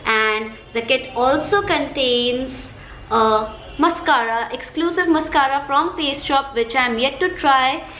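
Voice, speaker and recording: Her high, slightly bright voice carries an Indian accent as she chats through a casual haul video in true beauty-vlogger style, chirpy and repetitive for emphasis. The recording has room echo and faint background noise.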